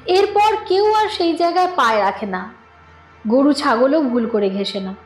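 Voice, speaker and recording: A woman with a high-pitched voice and lively intonation narrates a horror audio story at a moderate pace, reading the suspenseful script in a dramatic style. Music plays underneath her echoing studio voice.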